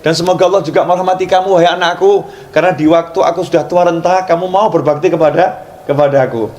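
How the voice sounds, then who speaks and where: Casting: male preacher doing a gentle old mother giving a blessing, slightly raised pitch. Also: steady tone, fast, close to an everyday voice. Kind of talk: sermon storytelling.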